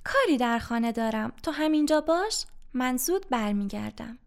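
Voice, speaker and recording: A woman voicing a kind, gentle older male religious leader in a storybook reading, speaking warmly and calmly. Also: fairly high pitch, creaky, voice pushed down. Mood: kindly. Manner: gentle and kindly.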